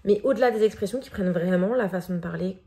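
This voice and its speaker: French woman, thirties, casual vlog chat, gravelly fry, mid pitch, fillers. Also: fast, warm tone. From France. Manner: chatty, hesitant with frequent fillers. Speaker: vlogger.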